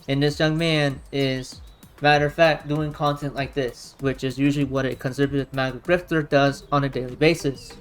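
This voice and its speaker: A man giving unscripted, argumentative commentary in a blunt, rambling way. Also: mid-range voice. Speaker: reaction commentator.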